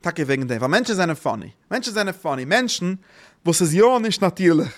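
A man giving an informal religious talk, rambling and halting, often repeating his phrases. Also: sits high, very animated.

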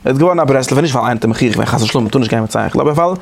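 A man leading a class discussion in an informal study-group lecture. He talks in a halting way, restarting and repeating words often, and turns animated and emphatic. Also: medium pitch, vocal fry, slight background noise.

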